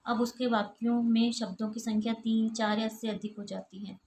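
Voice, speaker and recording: A woman's voice: on the high side, fairly even intonation, moderate pace, darkish tone. A woman who is an assistant professor, giving a recorded college lecture and going steadily through lists of examples. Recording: echoey room with faint ambient noise.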